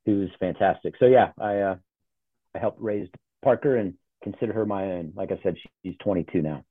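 Man, forties, low voice, casual rambling talk, tinny phone-like audio. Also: normal speed, husky, dry recording. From born in Ohio, grew up in Charlotte. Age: 40s. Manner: relaxed, rambling with many fillers. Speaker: podcast guest, nonprofit CEO.

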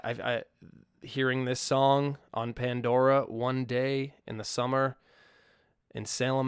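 A man's voice: mid-range voice, fairly bright tone, clear, resonant tone, no echo, clean studio sound. A man hosting a casual podcast, talking reflectively and rambling with restarts, with a song playing faintly underneath. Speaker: podcast host. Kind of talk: casual solo podcast talk. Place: home studio in Nashville. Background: faint song playing under the talk.

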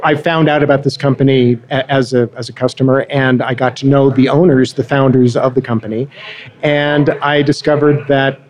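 A man's voice: mid-range voice, level tone, moderate pace. A man answering interview questions as a guest, friendly and explanatory, often restarting his sentences. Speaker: guest, marketing director.

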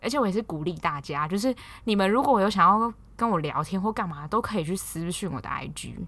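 Fast, bright-voiced young Taiwanese woman. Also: medium pitch, animated. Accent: Taiwanese Mandarin. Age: 20s. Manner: chatty, rambling storytelling with many restarts. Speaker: podcast host. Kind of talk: casual solo podcast chat.

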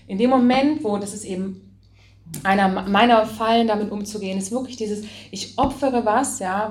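A young woman preacher telling a personal story in a sermon, lively, acting out what she said and often laughing. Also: medium pitch, a little hiss or hum. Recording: echoey church hall.

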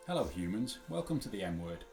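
A man's voice: low voice, big pitch swings, quick pace, a little mellow, reverberant, faint music behind. A man with a Manx accent from the Isle of Man, hosting a sports podcast in a conversational style. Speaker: podcast host. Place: podcast studio.

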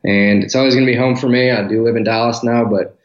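Relaxed, candid male guest from Detroit; low voice, echoey, slightly muffled home-office audio. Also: fast talker. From Detroit, Michigan, US. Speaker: podcast guest. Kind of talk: casual interview talk. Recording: roomy, dull remote audio.

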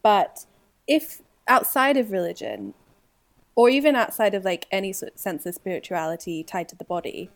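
A woman co-host in an easygoing podcast chat, thinking aloud and questioning in a hesitant way. Her voice sits at an ordinary middle pitch. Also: expressive, moderate pace, vocal fry. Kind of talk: casual chat.

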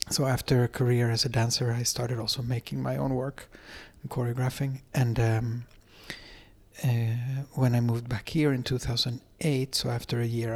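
Speaking English with a Swedish accent, a middle-aged man from Sweden, a dance professor, answers questions as a guest in a conversational interview set in an apartment. His pitch is ordinary for a man. He sounds hesitant yet thoughtful, using many fillers and restarts while he searches his memory for details.

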